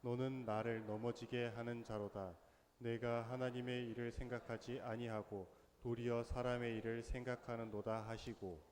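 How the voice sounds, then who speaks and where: A man reading scripture aloud in unison with the congregation, slow and steady. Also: mid-range voice. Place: church sanctuary. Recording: distant voices with long church reverb.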